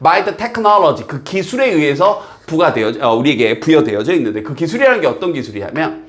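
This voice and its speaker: A South Korean man gives a lively lecture on an English exam passage, reading the English lines slowly and then explaining them at speed. His voice sits a little high.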